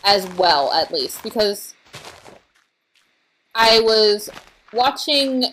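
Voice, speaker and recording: A woman casually commenting on her own gameplay, tired and recovering from being sick, rambling and halting as she trails off and restarts her thoughts. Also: mid-range voice, lively intonation, fairly bright tone, a little hiss or hum, rough recording. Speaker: let's play host.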